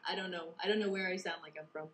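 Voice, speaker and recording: Her pitch fairly low and intonation fairly even, this Canadian guest races along in a slightly bright voice, her accent hinting at English influence. A poker TV presenter, she chats casually in an interview, leaning on "you know" and "like," in an echoey room with faint noise.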